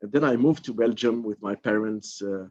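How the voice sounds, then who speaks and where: A Moroccan man who served as a member of parliament gives a thoughtful talk at a mentorship forum, hesitant and stopping often on fillers. His voice is fairly low and darkish at a moderate pace, on slightly dull lo-fi audio.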